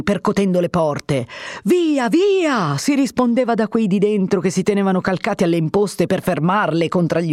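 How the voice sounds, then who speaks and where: A narrator giving a steady, measured reading of a classic novel as an audiobook. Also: mid-range voice, dry recording, clean studio sound.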